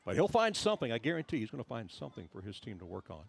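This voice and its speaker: Animated male American football play-by-play commentator. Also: medium pitch, racing, creaky, husky. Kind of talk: live high school football commentary.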